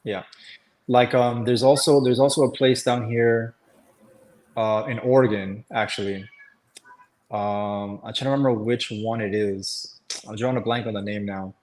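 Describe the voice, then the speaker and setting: A man's voice: on the low side, fairly even intonation, moderate pace, darkish tone, poor audio. A man talking in a loose, rambling way on a casual call, with many fillers and restarts. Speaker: webinar host. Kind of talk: casual chat.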